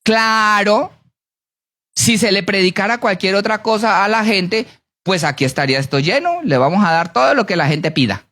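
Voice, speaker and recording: Animated preacher. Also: moderate pace. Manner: keeps asking the congregation "yes or no?"; animated, with big swings in pitch and pace. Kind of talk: sermon.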